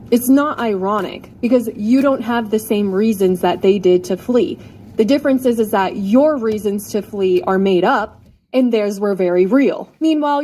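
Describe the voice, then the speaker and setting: A woman's voice: mid-range voice, darkish tone, slight background noise. A woman from the United States hosting opinionated commentary in a blunt, scornful manner. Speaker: commentary host.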